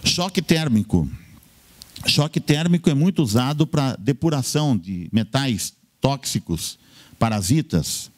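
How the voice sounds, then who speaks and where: In this lecture-style health talk, a male doctor with a medium-pitched, darkish voice makes his case forcefully. He rattles off points in short bursts and keeps returning to key words.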